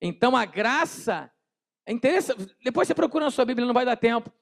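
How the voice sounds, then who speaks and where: A man with a Brazilian Portuguese accent preaching a sermon in a church, animated, acting out little scenes and calling on the congregation to repeat phrases after him. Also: extremely high pitch, fast, vocal fry, no room sound, studio quality. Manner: animated, acts out little scenes with shouted voices. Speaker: pastor.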